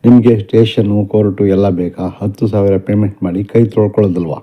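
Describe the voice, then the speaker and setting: Brief: pushy policeman, read by a man, deep voice, dull recording. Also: fairly even intonation, fairly quick, close to an everyday voice. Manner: plain reading voice, barely changed for the character. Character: blunt male police constables, pushy and threatening.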